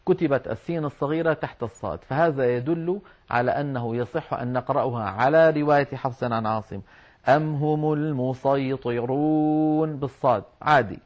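A man gives a lesson on Quran recitation, explaining each rule patiently. He slows down to sound out example words, in a middle-pitched voice. The recording is dull and lo-fi.

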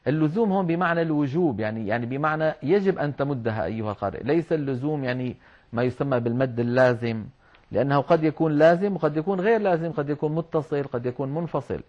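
A man's voice: on the high side, expressive. Patient man teaching recitation. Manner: patient, explanatory, slows down to demonstrate words. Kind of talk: religious lesson on Quran script and recitation. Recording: dull lo-fi recording.

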